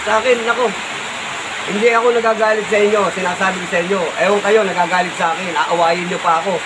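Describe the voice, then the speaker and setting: Man, Filipino accent, high voice, insistent, repetitive vlogger, noisy waterfall behind. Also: quick pace. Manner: repeats himself, calm but insistent, with frequent "diba?" and "no?" tags. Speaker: vlogger answering a critic. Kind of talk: spoken reply vlog.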